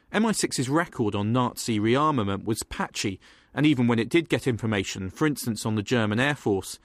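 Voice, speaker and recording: A male narrator reads a documentary script in an even, measured way. His voice sits in a middle range, and the recording is dry and close. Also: mid-range voice, dry recording.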